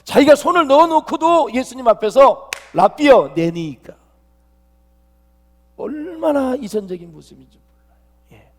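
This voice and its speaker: A man preaching a sermon as pastor, emphatic, swinging between loud declarations and hushed asides. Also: very high voice, animated, a little fast, in a large hall.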